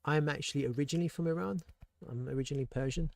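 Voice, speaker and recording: A man's voice: on the high side, rapid-fire, creaky, no room sound. A man giving casual, thinking-aloud commentary on crypto charts and world events, with rhetorical asides and frequent restarts. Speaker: crypto market analyst.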